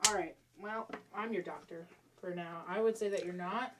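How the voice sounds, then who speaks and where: A woman co-hosting a casual podcast, chatty and enthusiastic, quick to tease her co-host. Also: fairly low pitch, noisy background.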